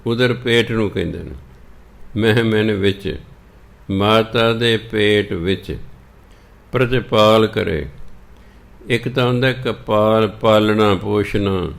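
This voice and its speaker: A man leads a slow, measured teaching sermon in a low voice. He chants scripture lines, then breaks each word down and repeats it carefully so listeners get the pronunciation right. He keeps an unhurried pace throughout. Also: vocal fry. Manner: measured, drills correct pronunciation by repeating words. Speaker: Sikh preacher teaching scripture recitation.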